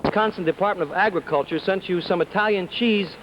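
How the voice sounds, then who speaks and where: A man's voice: sits high, fast talker. A man hosting a 1950s live quiz show in a chipper announcer manner, on a dull, noisy vintage broadcast with an audience behind him. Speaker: game show host.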